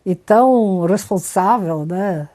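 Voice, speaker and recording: Warm-voiced older woman telling stories. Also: mid-range voice, slow. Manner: lively anecdotal storytelling with emphatic repetition. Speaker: interviewee. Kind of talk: storytelling interview.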